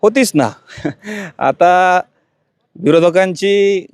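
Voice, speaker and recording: A man answering interview questions as chairman in a measured, composed way. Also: high voice, clear, resonant tone, no room sound, studio quality.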